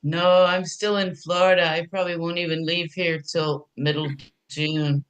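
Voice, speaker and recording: A man makes relaxed small talk on a video call, with a slightly high, level voice. He sounds a little distant from his microphone. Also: moderate pace. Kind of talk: casual chat.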